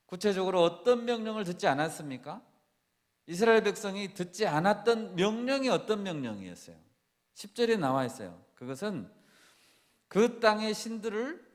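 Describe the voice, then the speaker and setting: A man preaching a sermon as a pastor, often asking his congregation questions and acting out quoted lines with rising intensity. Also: high-pitched. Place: church sanctuary. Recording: long reverb of a church hall.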